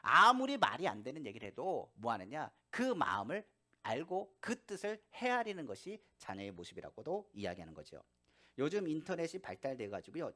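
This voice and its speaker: A male pastor preaching a sermon in church, telling stories and acting out the voices in them. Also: mid-range voice. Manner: animated storytelling, acting out quoted voices. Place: church sanctuary.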